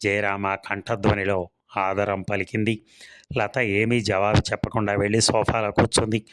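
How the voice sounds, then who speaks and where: A man reading a storybook serial in steady, scripted narration. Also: fairly low pitch, normal speed, dry recording.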